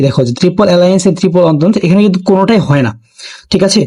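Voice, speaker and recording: A man's voice: sits high, a little mellow. A young man teaching students as he works through exam questions, explaining step by step, speaking to them directly and mixing in English words. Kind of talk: exam question solving lesson.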